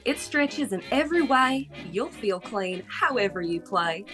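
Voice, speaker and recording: A woman's voice: fairly high pitch, lively intonation, unhurried, over music. A woman playing a peppy saleswoman in a parody radio commercial. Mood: peppy salesy.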